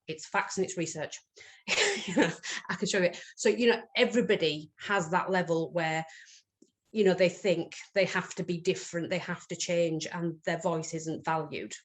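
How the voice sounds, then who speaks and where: A woman speaking informally on a panel, frank, emphatic and self-assured. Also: on the low side. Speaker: charity chief executive and panellist.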